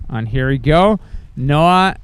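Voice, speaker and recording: A man's voice: on the high side, expressive, takes it slowly, slight background noise. A man giving live race commentary, eager and chatty, with many fillers and restarts.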